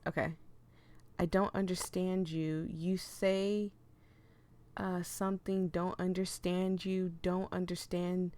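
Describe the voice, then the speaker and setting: A woman hosts a casual let's play, reading game text aloud and apologetically chatting with viewers as she cuts off her own sentences. Her voice is lowish with a darkish tone.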